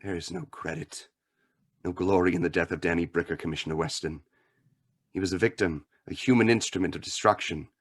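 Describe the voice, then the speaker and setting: An actor playing a commanding, ominous mystery avenger in 1930s radio melodrama style, solemn and theatrical. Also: male voice, low-pitched, fairly bright tone.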